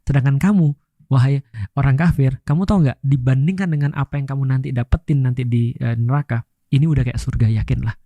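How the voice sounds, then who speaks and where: A man doing a calm, assured scholar-judge. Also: mid-range voice, fast, no room sound, lightly acted.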